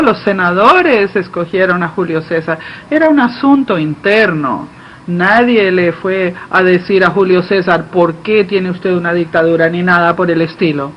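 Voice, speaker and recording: A man giving live simultaneous interpretation of a political speech, delivered haltingly, phrase by phrase. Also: sits high. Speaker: conference interpreter. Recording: dull lo-fi feed, faint background noise.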